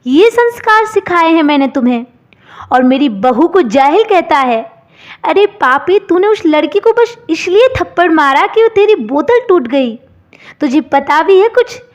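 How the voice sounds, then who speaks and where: A woman's voice: very high voice, sing-song, measured pace, full character voice. A woman voicing a stern older mother-in-law who scolds sharply in a storybook tale. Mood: furious.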